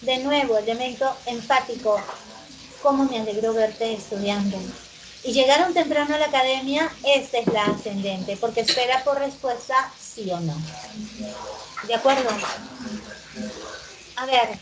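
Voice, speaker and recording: A woman teaching an exam-review class, reading questions aloud and answering them herself in quick, short replies. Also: a little high. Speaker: pre-university teacher. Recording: noisy recording with background hum.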